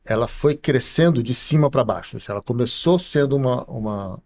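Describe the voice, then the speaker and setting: A middle-aged man, a university professor, explaining things slowly as a podcast guest, with many pauses and tag questions. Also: medium pitch, animated, darkish tone. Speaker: computer science professor guest. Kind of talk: podcast interview.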